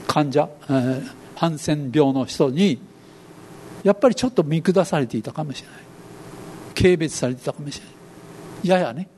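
A man's voice: fairly high pitch, warm tone, a little hiss or hum. A man in his eighties with a Kansai accent, preaching a sermon in a folksy, storytelling way. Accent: Kansai Japanese. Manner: storytelling, acts out quoted voices, folksy and unhurried. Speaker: pastor.

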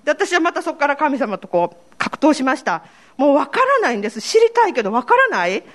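A woman's voice: sits high, very animated, fairly quick. A woman with a Kansai accent giving a personal faith testimony to a congregation, telling her story in a candid, self-deprecating way. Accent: Kansai Japanese. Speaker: church member giving testimony.

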